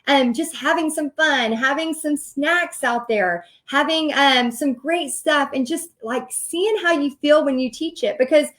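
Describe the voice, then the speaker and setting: Speaking in a high, fairly bright voice, she takes her time yet hardly pauses. The middle-aged woman, who has a Texan accent, laughs frequently as she talks directly to viewers in her relaxed livestream on the paint party business.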